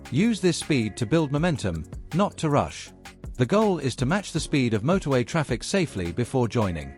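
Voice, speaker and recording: A man presenting a driving lesson in a scripted, instructional narration, explaining each point in a measured way and addressing learners directly. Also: mid-range voice, sing-song, a little mellow, soft background music.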